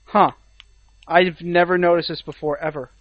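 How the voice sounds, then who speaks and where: A young man co-hosting a podcast, chatting casually in an animated, teasing way. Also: on the high side, a little slow, no room sound. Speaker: podcast co-host. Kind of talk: casual chat. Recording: slightly dull lo-fi audio.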